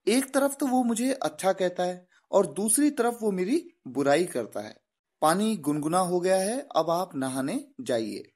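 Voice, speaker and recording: Male English teacher, Indian English accent, slow, careful sentences, lively intonation, online lesson. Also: high-pitched. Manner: reads English sentences slowly and deliberately for learners; addresses viewers directly, encouraging. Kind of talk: online video lecture.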